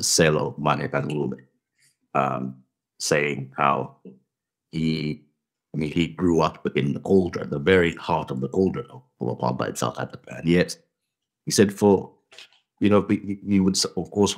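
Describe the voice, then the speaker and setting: A middle-aged man from a Tanzanian family who grew up in Zimbabwe, guest actor on a podcast, speaking thoughtfully with many restarts and repeated words. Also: rumbling low. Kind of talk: conversational podcast interview.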